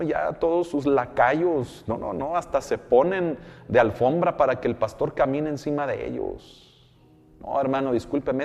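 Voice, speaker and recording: A man's voice: mid-range voice, a little mellow, in a large hall. A man with a Mexican accent, a pastor preaching a sermon in an emphatic way, often addressing his listeners as brother.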